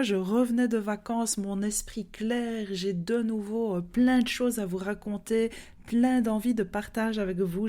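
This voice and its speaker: A woman with a Belgian French accent, talking as a podcast host in a gentle, chatty way with many fillers. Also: medium pitch. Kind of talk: casual solo podcast talk.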